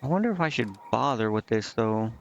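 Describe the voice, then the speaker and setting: An animated man with a lowish voice and vocal fry talks fairly quickly as he streams a game, with a little hiss or hum present. He comments informally, reads aloud, and often mutters to himself, over game music in muffled lo-fi audio.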